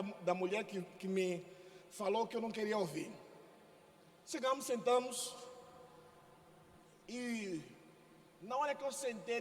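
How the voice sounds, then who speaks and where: High-voiced joking preacher from Africa. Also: male voice, long reverb tail. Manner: lively, exclamatory, joking preaching. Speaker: pastor. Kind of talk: sermon. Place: church.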